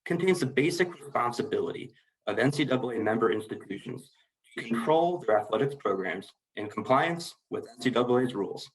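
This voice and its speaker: Male compliance trainer for a corporate webinar. Average pitch, formal and methodical, explains rules from slides. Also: poor audio.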